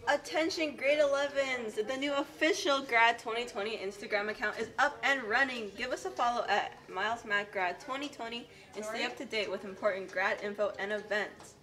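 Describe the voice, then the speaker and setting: A woman's voice: fairly high pitch, normal speed, few pauses, fairly bright tone. A young woman, a student announcer, reading scripted announcements over a school intercom. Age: teens to young adult, high school student. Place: indoor school office. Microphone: telephone handset of school PA, seen.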